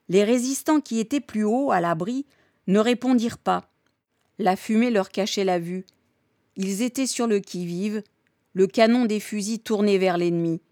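A woman giving a steady, measured live reading of a novel. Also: medium pitch, no room sound, clean studio sound. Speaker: reader.

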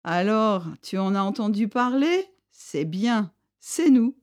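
A woman's voice: medium pitch, expressive, takes it slowly, darkish tone, smooth. A woman voicing an armed rebel leader, a man who is stern yet friendly and speaks firmly in a raised voice. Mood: commanding. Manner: firm, commanding, raised voice.

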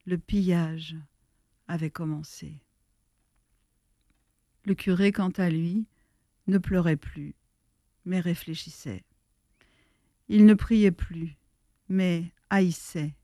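A woman reading a story aloud as narrator in a measured, solemn way. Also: lowish voice, fairly even intonation, warm tone, no echo, clean studio sound.

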